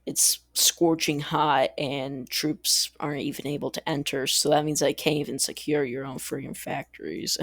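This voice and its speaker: A man's voice: fairly high pitch, level tone, moderate pace, gravelly, fairly bright tone, no room sound, clean studio sound. A man giving casual, rambling commentary over a strategy game, chatty and full of asides, little laughs and mild exasperated swearing. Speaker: gaming channel host.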